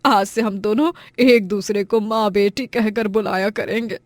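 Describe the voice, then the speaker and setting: A woman voicing an elderly, devoted mother-in-law in an animated story, pleading and stammering in panic. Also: medium pitch, a little slow, dry recording, lightly acted. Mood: tender. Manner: pleading, stammering when frightened.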